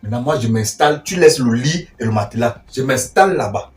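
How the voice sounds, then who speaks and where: A man, acting a demanding freeloading older brother in a comedy sketch, whiny and indignant, swinging from loud to mumbling. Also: mid-range voice, lively intonation, a little fast, natural voice. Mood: sulky. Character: demanding freeloading older brother, self-declared family head. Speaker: comic actor. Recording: roomy, from a distance, faint music.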